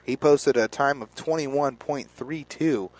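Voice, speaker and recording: American male track analyst, mid-pitched voice. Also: a little slow, a little mellow. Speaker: track and field analyst, co-commentator. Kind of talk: live sports analysis commentary.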